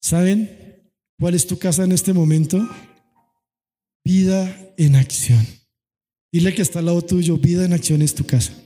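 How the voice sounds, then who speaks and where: Male pastor, high-pitched but mellow, passionate sermon delivery, long hall reverb with faint music under him. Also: unhurried, pauses often. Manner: impassioned preaching, swinging from soft to shouted, some sung phrasing.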